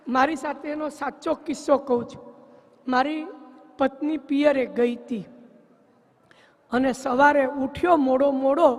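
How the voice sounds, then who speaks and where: A man telling jokes on stage in an animated, punchy way. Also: very high voice. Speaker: stand-up comedian. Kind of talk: live joke telling. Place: large event hall. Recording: long hall reverb at live event.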